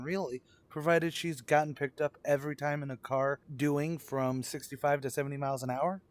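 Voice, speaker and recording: Here the actor sounds awkward and probing, his natural male voice slightly high. He plays the uneasy, increasingly obsessive cross-country driver of an old radio suspense piece, delivering first-person narration and lines dramatically and stumbling when unsettled.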